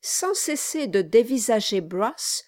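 A woman narrating a classic novel with measured, expressive storytelling, in a dry close recording. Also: a little high, no echo. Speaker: audiobook narrator.

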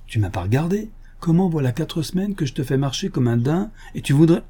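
A man reading the part of a cocky, mocking gentleman thief in an audiobook, taunting and condescending. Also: fairly high pitch, expressive, brisk, husky, voice pushed up.

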